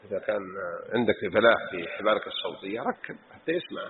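A man's voice: on the low side, big pitch swings, fast talker, slight background noise. A man teaching a mosque lesson, admonishing with rhetorical questions. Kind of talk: religious lesson. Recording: tinny phone-like recording in a reverberant hall.

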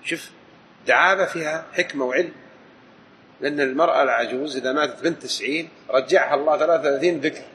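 A male Islamic teacher lecturing a study circle. He tells stories in an animated way, with sudden swings in loudness. A faint background hum sits behind him. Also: a little high, fast talker, poor audio. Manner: animated storytelling with asides. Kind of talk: lecture to students.

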